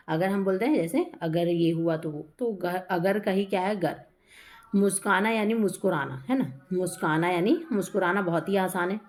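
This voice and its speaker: Lady teacher going through a poem line by line, lowish voice, keeps saying hai na. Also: a little mellow. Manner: frequent "hai na" tag questions, repeats each line.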